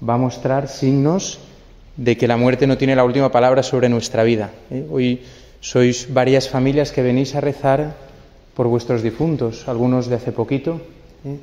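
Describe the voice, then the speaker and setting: A man's voice: medium pitch, steady tone, normal speed, dark tone, highs cut off. A man, a priest, giving a conversational homily at a memorial mass, often tagging his sentences with a questioning "eh?". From Spain. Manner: conversational, keeps adding a tag "eh?". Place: church. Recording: long church reverb.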